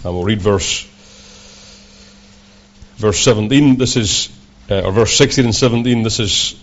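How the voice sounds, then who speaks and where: A Scottish preacher with a thick, broad accent and a fairly low voice. He delivers his sermon in measured, halting phrases. The recording sounds dull and a little lo-fi. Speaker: visiting preacher. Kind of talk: sermon with scripture readings.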